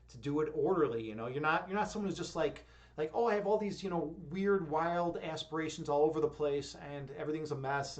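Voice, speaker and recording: Young man, rambling live-stream host, fairly high voice, filler-heavy casual chat. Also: darkish tone. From Chicago. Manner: rambling, many "like" and "you know" fillers, chuckling.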